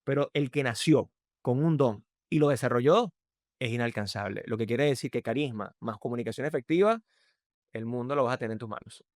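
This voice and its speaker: A man's voice: brisk, dry recording. Venezuelan man with a dry, close sound. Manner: emphatic, varies his pitch and loudness to demonstrate. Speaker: podcast guest, voice and communication speaker. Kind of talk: conversational explanation.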